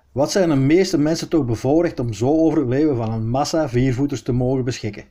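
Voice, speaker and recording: Mellow Flemish man reading local history. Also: medium pitch. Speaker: storyteller.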